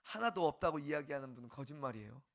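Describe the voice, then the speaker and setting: A male pastor giving an early-morning revival sermon, passionate, swinging from loud exclamations to hushed near-whispers. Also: fairly high pitch, lively intonation, quick pace, gravelly.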